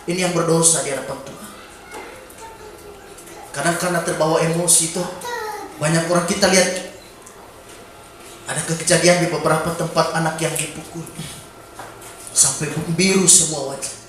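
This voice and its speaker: A man preaching a sermon in a church, breaking into sudden shouted calls and exclamations. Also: on the high side, steady tone, moderate pace, long pauses, a little hiss or hum. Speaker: pastor. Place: church during a Wednesday evening service. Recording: very echoey church hall.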